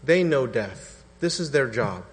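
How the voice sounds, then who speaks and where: Man, thirties, pastor, conversational sermon, acts out quotes, average pitch, echoey church hall. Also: animated, measured pace, slightly rough. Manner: conversational preaching, acting out quotes in voices.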